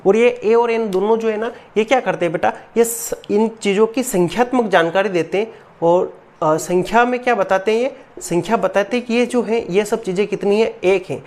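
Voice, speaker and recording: A woman's voice: medium pitch, normal speed, a little mellow. A woman teacher giving a classroom grammar lesson. She patiently repeats each rule, keeps asking rhetorical questions, and calls her students "beta".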